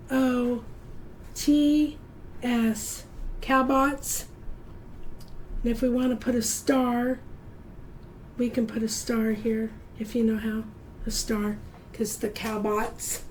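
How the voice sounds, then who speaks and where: Middle-aged woman, kids' drawing teacher; unhurried, warm encouragement, high-pitched. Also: slight background noise, rough recording. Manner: patient, slow and encouraging, counts aloud. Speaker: art teacher. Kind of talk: step-by-step drawing lesson for children.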